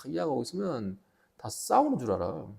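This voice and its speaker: Gyeongsang-accent pastor guy preaching a sermon, gravelly and dark, tells it with lots of punch. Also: mid-range voice, fairly quick. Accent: Gyeongsang Korean. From Gyeongsang region, South Korea. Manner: emphatic, animated storytelling preaching.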